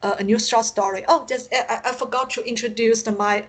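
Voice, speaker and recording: This Chinese woman, a science fiction author and native Mandarin speaker, appears as a relaxed interview guest and frequently hunts for the right word. She has a Chinese accent and a fairly high voice with a steady tone. Her pace is a little fast.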